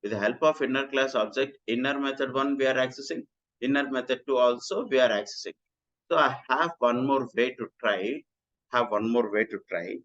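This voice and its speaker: A man's voice: medium pitch, moderate pace, highs cut off. A man giving a recorded programming lecture, explaining step by step and often repeating himself. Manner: repetitive, steady explaining, often restates lines. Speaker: programming instructor.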